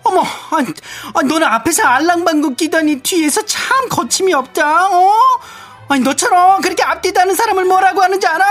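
A man voicing a bossy, quick-tempered woman office worker in a comic radio skit, high-pitched and shrieking when angry. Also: expressive, a bit bright. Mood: furious.

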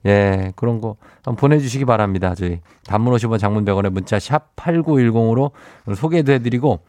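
A man's voice: lowish voice, brisk, darkish tone, no echo. A man hosting a morning radio show, casually reading listener messages and adding short conversational asides.

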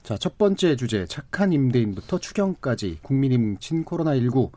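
A man's voice: medium pitch, sing-song, moderate pace, mellow, no room sound. A man hosting a public radio talk show, reading scripted introductions in a formal, articulate presenter's manner.

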